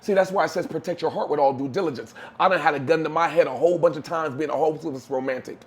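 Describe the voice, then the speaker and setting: Emphatic high-voiced man preaching. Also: quick pace. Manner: preachy, emphatic, street slang. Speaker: podcast co-host. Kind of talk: motivational podcast talk.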